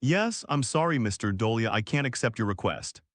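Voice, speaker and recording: A man, likely a synthetic voice, reading the lines of a scheming female tabloid reporter in a flat read-aloud delivery. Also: mid-range voice, moderate pace, dry recording, studio quality.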